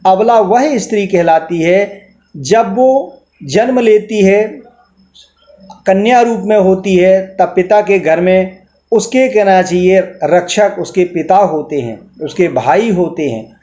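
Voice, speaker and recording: A man's voice: high voice, slow, mellow, highs cut off. A man teaching a literature lesson, explaining a poem line by line and glossing its words as he goes.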